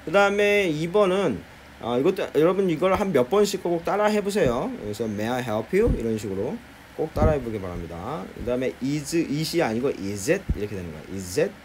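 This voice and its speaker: A man's voice: a little high, sing-song, normal speed, slight background noise. A man teaching English phrases in Korean, explaining patiently and repeating key phrases for his students.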